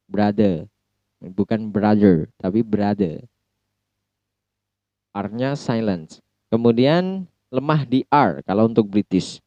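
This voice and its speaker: A man from Indonesia talks through a recorded slide lecture on pronunciation. His voice is dark and mellow, and he goes step by step, saying each example word again slowly. The recording is dry and a little dull. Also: medium pitch, no room sound. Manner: explains step by step, repeating example words slowly. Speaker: phonology lecturer. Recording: dull, slightly lo-fi dry sound.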